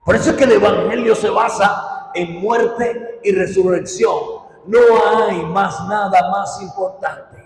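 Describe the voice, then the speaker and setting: A male pastor preaches with a notably high voice, rising into fervent shouts and repeating his calls to the congregation. He speaks at a slow, deliberate pace. The sound rings through a church hall with a long, echoing reverb. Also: fairly even intonation, creaky, slight background noise. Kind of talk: sermon. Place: church sanctuary.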